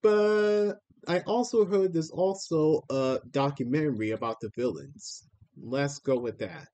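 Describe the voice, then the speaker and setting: A man's voice: fairly high pitch, unhurried, dark tone. A man streamer giving casual live reaction commentary on trailers, repeating himself and exclaiming in mild slang.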